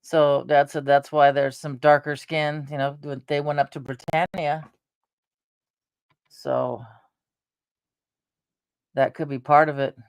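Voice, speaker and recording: Slow, rambling woman in her fifties. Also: low-pitched, flat delivery, a little mellow, no echo. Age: 50s. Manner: meandering, with frequent hesitations and restarts. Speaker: channel host. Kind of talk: rambling casual chat.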